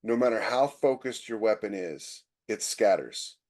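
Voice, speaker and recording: On a casual podcast, a male co-host who writes military science fiction talks through ideas in an animated, unhurried way. His voice sits on the low side and is a little mellow, and he frequently drops sentences midway and starts over.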